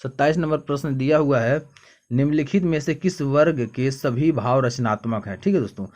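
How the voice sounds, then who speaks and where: A man's voice: medium pitch, a little fast, a little mellow. A young man going through exam questions one by one, reading each out and then repeating the answer back as a question to the viewer. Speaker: exam tutor. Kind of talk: quick exam answer walkthrough.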